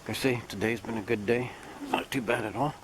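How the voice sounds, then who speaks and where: A middle-aged Canadian man with a gruff voice, giving casual, folksy commentary as he films an outdoor vlog. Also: on the low side, fairly even intonation, a little fast. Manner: folksy, laid-back, colloquial with tag "eh". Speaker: amateur Sasquatch researcher filming his outings. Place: outdoors in bushland. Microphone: handheld camera mic. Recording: noisy handheld outdoor camcorder audio.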